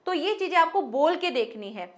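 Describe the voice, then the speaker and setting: A woman's voice: sits high, big pitch swings, normal speed. A young woman teaching Hindi grammar to students online. She works through everyday example sentences and mixes English words into her Hindi.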